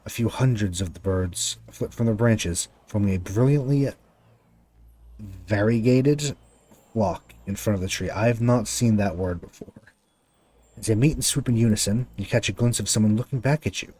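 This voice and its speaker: Low-voiced man reading game text aloud. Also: moderate pace, warm tone. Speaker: video game player narrating a playthrough.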